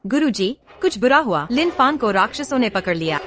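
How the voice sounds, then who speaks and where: A woman's voice: a little high, big pitch swings, normal speed, a bit bright. A woman voicing a fierce, caring young senior sister in a dubbed fantasy drama, urgent and impulsive. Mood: alarmed.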